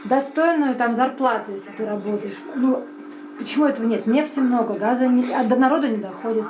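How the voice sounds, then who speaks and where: A woman's voice: a little high, brisk, reverberant, muffled recording, music in the background. A woman interviewer asking questions in a conversational way.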